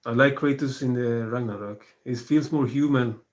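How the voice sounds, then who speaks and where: A man, talking alone to a live-stream audience in a soft-spoken, rambling way with many pauses and fillers. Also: medium pitch. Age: 40s. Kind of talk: casual live-stream monologue.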